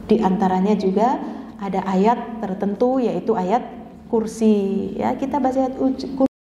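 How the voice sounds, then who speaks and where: A woman's voice: medium pitch, measured pace, dark tone, a little hiss or hum. A woman teaching a religious study lecture in a chatty way, often checking in with her listeners. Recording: echoey hall with long reverb, dull sound.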